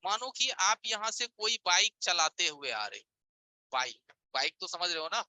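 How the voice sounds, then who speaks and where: Man teaching with a very bright voice. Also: sits high, big pitch swings, moderate pace, dry recording, poor audio. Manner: explains with everyday examples and asks rhetorical check-in questions. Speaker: mobile repair teacher. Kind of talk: live online class. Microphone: voice-over on a screen-share stream.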